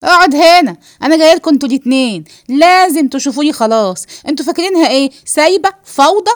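A woman voicing a brash, defiant young woman with an Egyptian accent, shouting and sharp-tongued in a read-aloud play. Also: high-pitched, lively intonation, quick pace, no room sound, clean studio sound. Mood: scolding.

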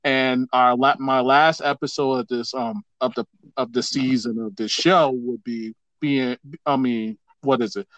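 A man's voice: medium pitch, steady tone, measured pace, fairly bright tone, no echo, rough recording. A man hosting a casual podcast, talking loosely with lots of fillers and restarts. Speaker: host.

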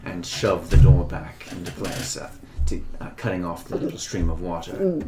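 A woman's voice: a bass voice, animated, normal speed, background noise. A woman player casually narrating her character's actions in a tabletop game.

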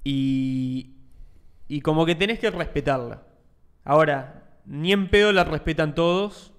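An Argentine man co-hosts a casual podcast, explaining topics in loose, slangy talk. His voice sits a little high and sounds smooth and clear. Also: a little slow. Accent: Argentine Spanish. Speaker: podcast co-host. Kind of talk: casual chat.

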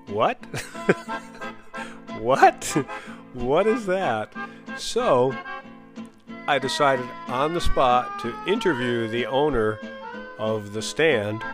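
A man hosting a podcast, narrating in simple, deliberate, jokey phrases for language learners. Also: medium pitch. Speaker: podcast host.

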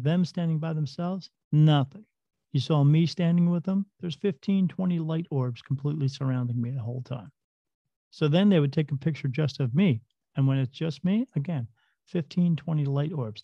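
A man's voice: medium pitch, gravelly, no room sound, dull audio. A man telling his own story in a casual, rambling way, full of fillers and restarts. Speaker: storyteller recounting paranormal experiences. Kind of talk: casual first-person storytelling.

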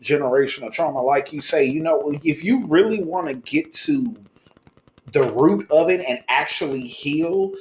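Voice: mid-range voice, normal speed, a little mellow. Podcast host, casual and blunt, swears freely, heard in a roomy, echoing room. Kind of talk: casual chat. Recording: roomy echo.

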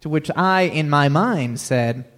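A man's voice: a little high, a little slow, fairly bright tone. A man hosting a comedic live talk show, telling a news story with wry, mock-formal asides on a comedy club stage.

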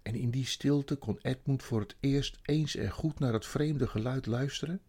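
A man reading a children's story aloud in an expressive, dramatic way. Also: mid-range voice, moderate pace, breathy edge.

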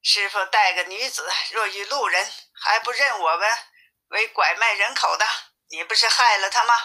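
A woman's voice: mid-range voice, normal speed, sharp tone. A woman doing a blunt scolding monkey king. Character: shrewd, blunt male monkey king disciple. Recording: tinny phone-like sound.

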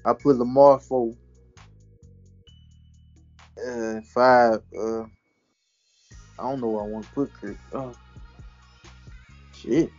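A man with an American accent and a husky voice, casually debating sports with friends. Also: medium pitch, steady tone, takes it slowly, long pauses, a little mellow. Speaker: sports podcast host. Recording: dull lo-fi audio, music underneath.

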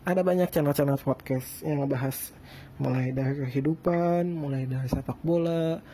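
A man's voice: a little high, normal speed, mellow, slightly rough. A man from Indonesia with casual speech and a speech impediment on his r, chatting in a rambling, self-deprecating, slangy way as a solo podcast host. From Bandung, Indonesia. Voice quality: lisped, non-rolled r.

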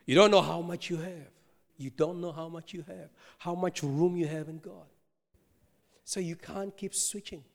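Animated man preaching in an echoing hall. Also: fairly high pitch, moderate pace, creaky. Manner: animated storytelling, laughing, rhetorical asides. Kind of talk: sermon. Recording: long hall reverb.

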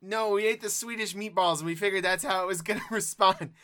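A man's voice: high voice, steady tone, fairly quick, pushed and bright. A man playing an impatient, bossy pregnant young wife in an improv comedy scene, pushy and giggly. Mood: joking. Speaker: improv performer.

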